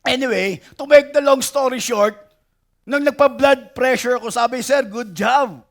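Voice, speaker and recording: A man's voice: very high voice, normal speed. A man in his forties with a Filipino accent preaching a sermon, emphatic, drawing out quoted verses and telling stories with asides to the congregation. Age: 40s. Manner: lively storytelling with laughs and asides to the church. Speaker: pastor.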